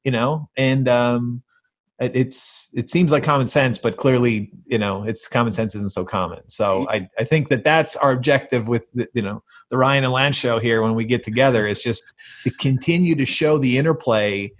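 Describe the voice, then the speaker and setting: A man's voice: medium pitch, normal speed. A man co-hosting a podcast in casual conversation, talking in an emphatic, rambling way full of fillers. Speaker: podcast co-host.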